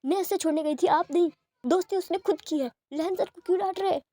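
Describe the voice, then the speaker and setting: A woman's voice: very high voice, quick pace, warm tone, dry recording, voice pushed up. A woman voicing an indignant protective mother. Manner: indignant, reproachful. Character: protective mother defending her son.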